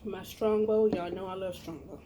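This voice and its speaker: A middle-aged American woman, a cooking vlogger, chats casually with her viewers in a folksy, expressive and emphatic way. Her voice is medium-pitched and her pace moderate, with a little hiss or hum in the background.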